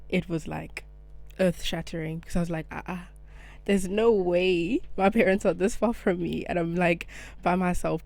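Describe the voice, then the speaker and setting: Young woman from South Africa, student guest, lowish voice, relaxed and easy-laughing. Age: young adult. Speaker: podcast guest, law student. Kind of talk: casual podcast chat.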